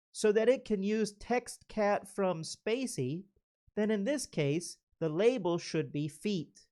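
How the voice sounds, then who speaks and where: A man presenting a prepared conference lightning talk, speaking in a deliberate, carefully enunciated way. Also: high-pitched, darkish tone.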